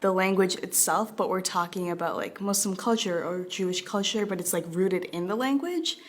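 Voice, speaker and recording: A young woman student talking in a relaxed, chatty interview, with many fillers. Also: medium pitch, normal speed. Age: young adult. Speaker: student in the program. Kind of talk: interview testimonial.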